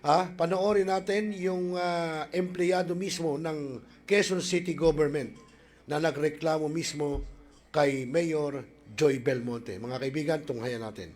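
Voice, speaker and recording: A man hosting a live online show, talking in an animated, exclaiming way and asking many rhetorical questions. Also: fairly high pitch, unhurried. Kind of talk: casual live commentary.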